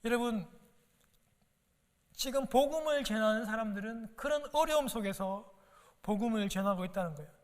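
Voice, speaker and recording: A man's voice: high voice, normal speed, long pauses. A male pastor preaching a sermon in a church, emphatic, repeating words and asking rhetorical questions. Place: church sanctuary. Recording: long reverb of a church hall.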